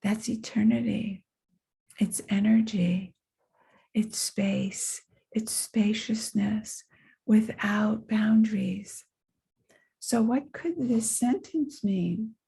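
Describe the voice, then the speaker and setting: A woman giving a slow, reflective spiritual talk, speaking softly and often dropping into a breathy near-whisper. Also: medium pitch. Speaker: spiritual teacher.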